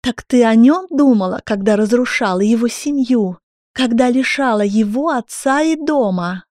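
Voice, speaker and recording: A woman doing a shrill, unhinged furious woman. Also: expressive, normal speed, darkish tone, dry recording, clean studio sound, lightly acted. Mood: menacing. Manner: shrill, screaming, mocking.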